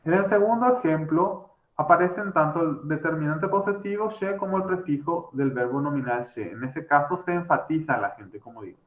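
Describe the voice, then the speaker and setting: A man's voice: fairly high pitch, lively intonation, a little fast, few pauses. A man teaching grammar in an online class, explaining step by step with many fillers and restarts. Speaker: language teacher. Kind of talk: online lecture. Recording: roomy echo.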